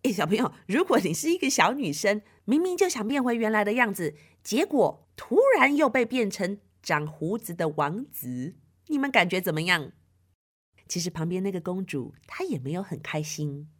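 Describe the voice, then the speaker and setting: A woman reading a picture book to children in an animated manner, often addressing them directly. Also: mid-range voice, normal speed, husky. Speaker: storyteller.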